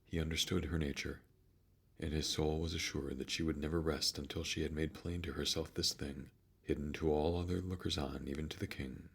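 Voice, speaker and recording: A man with a deep, firm, gravelly and husky voice reads a classic story in a soothing, measured storytelling style. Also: fairly bright tone. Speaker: narrator.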